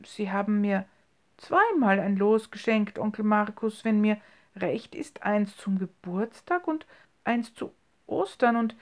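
A woman reading a story, voicing a shy young woman who speaks softly and hesitantly. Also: medium pitch, animated, a little slow, lightly acted. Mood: timid. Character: shy, timid young woman, easily flustered.

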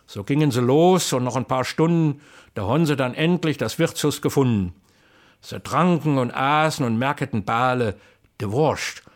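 Man reciting poems. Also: medium pitch. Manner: rhythmic, rhyming delivery in dialect. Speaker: reciter of dialect poetry. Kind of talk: poetry recitation with spoken introductions.

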